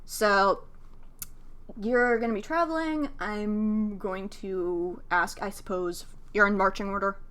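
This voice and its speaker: A woman narrating as game master in a casual tabletop game, halting with many fillers and the odd swear. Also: mid-range voice, fairly bright tone, smooth.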